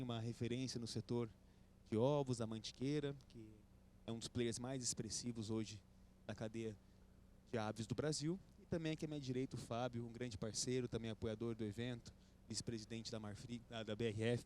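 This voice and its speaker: A man's voice: medium pitch, darkish tone, slight background noise. Upbeat man moderating a live panel. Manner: upbeat, hosting, thanking guests by name. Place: event stage with audience.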